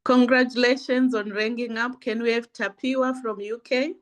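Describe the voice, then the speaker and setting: A woman's voice: a little high, steady tone, moderate pace. A woman hosting a video call, encouraging speakers and calling on them in turn before sharing her own story. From Zimbabwe. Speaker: host of an online business call. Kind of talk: video call testimonial session.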